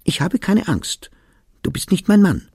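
A man voicing a defiant young peasant woman who shouts back at her fiancé in a high, strained voice. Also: wildly swooping pitch, normal speed, breathy edge, no room sound, clean studio sound, full character voice. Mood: defiant shouting.

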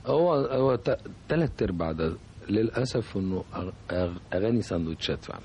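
Mellow-voiced Egyptian composer. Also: male voice, lowish voice, lively intonation, fast, a little hiss or hum. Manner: reflective, hesitant, searching for words. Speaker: composer, guest. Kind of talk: radio interview.

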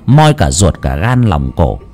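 A man narrating a village ghost story in a hushed, dramatic manner. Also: deep voice, sing-song, a little slow.

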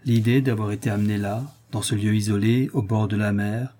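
Husky, mellow male audiobook narrator. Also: on the low side, fairly even intonation, a little fast. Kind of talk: literary audiobook reading.

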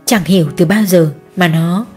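A woman narrates an audiobook story in an even, steady voice. Her tone is husky and a little breathy. Faint music plays behind her. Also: lowish voice, normal speed.

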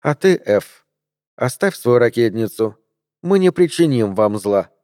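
A male narrator voicing a woman who leads an armed group and speaks politely and calmly. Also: mid-range voice, a little slow, no room sound, clean studio sound. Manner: polite, soothing.

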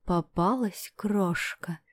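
A woman voicing a brash, menacing male stranger who mocks and threatens, loud and leering. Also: lowish voice, slow, no echo. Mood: sneering.

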